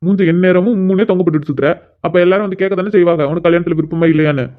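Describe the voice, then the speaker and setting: A voice actor, lightly acting with a steady mid-range voice, portrays a cartoon big brother who both teases and reassures his sister. The mood is teasing, the pace quick, and the sound phone-quality.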